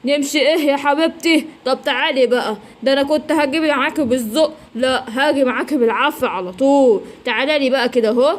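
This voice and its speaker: A woman with an Egyptian accent voicing sly, hungry villain lionesses in a low, menacing voice. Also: quick pace, few pauses, lightly acted. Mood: scheming. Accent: Egyptian Arabic. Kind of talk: children's story voicing.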